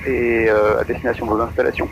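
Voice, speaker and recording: A man's voice: mid-range voice, flat delivery, quick pace, creaky, highs cut off. A man flying a small plane, making procedural radio calls and talking through his steps over a pilot headset. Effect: heard over a pilot headset intercom. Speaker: private pilot flying solo. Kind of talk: aviation radio calls and cockpit self-talk. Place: small plane cockpit in flight. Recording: loud aircraft engine noise, cockpit radio.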